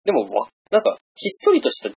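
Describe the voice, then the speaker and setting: A man's voice: high voice, huge pitch swings, fast, creaky, darkish tone, slightly rough, no room sound. A man from Hokkaido, a podcast host, chatting easily and laughing often. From Hokkaido, Japan. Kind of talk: casual chat.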